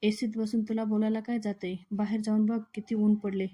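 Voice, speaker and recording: Fretting, scolding mother, read flatly by a woman recapping a serial; low-key and dark-toned. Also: fairly quick, lightly acted. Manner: pleading, scolding in plain read-aloud tone. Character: worried middle-aged mother scolding her son.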